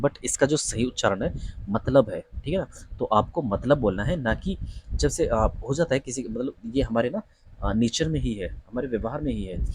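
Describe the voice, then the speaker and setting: A young man teaches an online lesson on pronunciation for job interviews, coaching candidates by patiently repeating each word and checking in with "ठीक है ना?". His voice is mid-range and darkish, and the rough recording has a little hiss or hum.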